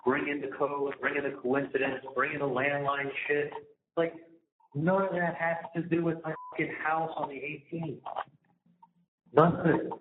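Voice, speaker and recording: A man's voice: a little high, level tone, normal speed, narrow, tinny audio, noisy background. Inmate calling from a prison phone: agitated, repetitive man on a thin, roomy line. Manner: agitated, indignant, repetitive, swearing. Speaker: inmate calling his mother. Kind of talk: phone conversation. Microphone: prison phone handset.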